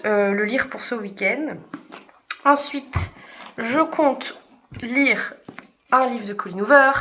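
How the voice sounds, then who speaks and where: Chatty young woman, slightly high voice. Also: a bit bright, slight background noise. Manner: hesitant, many fillers. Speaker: book vlogger. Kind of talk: casual vlog chat.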